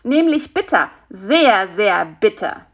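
Bisi, a shrill whiny fly, as a woman reader puts him on. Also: big pitch swings, normal speed, fairly bright tone. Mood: dramatic. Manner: pleading, chattering, dramatic. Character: whiny, nagging male fly, small and self-important.

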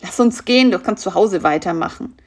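A woman voicing a whiny male cross spider with a toothache, in a high, moaning voice. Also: animated, fairly quick, lightly acted. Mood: eager.

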